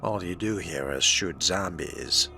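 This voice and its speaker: Over loud game music, a man plays a role-playing video game in character, giving commentary in wry, formal, theatrical phrasing. His voice is low and gravelly, and he speaks at a measured pace.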